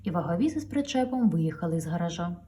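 Mom reading a picture book out loud, lower voice, swoops all over, does the sound effects. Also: female voice, fast talker, recorded from a distance, slight background noise. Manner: expressive, playful storytelling with sound effects. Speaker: parent reading to her daughter.

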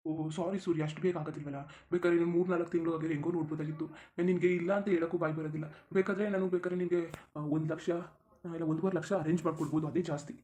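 Someone doing an evasive young cartoon friend, hesitant, apologetic, quick. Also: medium pitch, steady tone, dark tone, a little hiss or hum, lightly acted. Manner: hesitant, full of fillers, apologetic. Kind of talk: cartoon voice acting.

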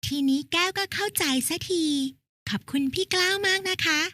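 A woman's voice: very high voice, moderate pace, sharp tone, dry recording, studio quality, voice pushed up. A woman voicing a curious young schoolgirl who politely asks her older brother questions in an educational cartoon.

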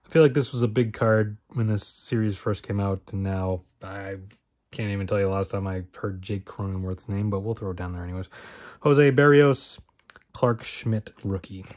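A man's voice: on the low side, fairly even intonation, normal speed, a little mellow. A man hosting a card-opening video, listing the names in each pack and rambling as he corrects himself. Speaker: card-opening channel host. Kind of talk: casual card-opening commentary.

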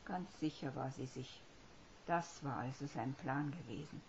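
A woman reads a story aloud, with a low pitch and a steady, measured delivery. The recording sounds somewhat dull and lo-fi. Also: a little hiss or hum. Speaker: audiobook reader. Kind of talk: scripted fiction narration.

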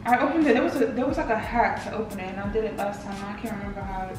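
A woman's voice: mid-range voice, expressive, rapid-fire. A woman in her twenties with an American accent, bantering casually on camera in a playful, bossy way. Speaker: vlogger. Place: home kitchen, indoors. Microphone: camera across the counter. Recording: echoey kitchen, distant mic, music behind.

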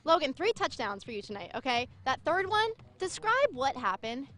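A young woman sideline reporter interviewing a team after a game, energetic, with a raised voice. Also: high voice, moderate pace. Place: outdoor football field at night. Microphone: handheld microphone. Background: faint crowd and music.

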